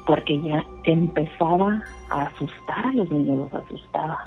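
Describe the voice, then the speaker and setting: A woman's voice: low voice, normal speed, soft background music. A woman earnestly telling a rambling personal ghost story, calling in by phone. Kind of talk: casual storytelling. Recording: phone line.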